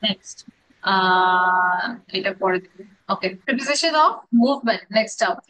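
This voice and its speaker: A woman's voice: mid-range voice, slow pace, sharp tone, slight background noise, low-quality recording. A woman with a Bangladeshi accent teaching an English grammar class, drilling pronunciation and mixing English phrases into her explanations.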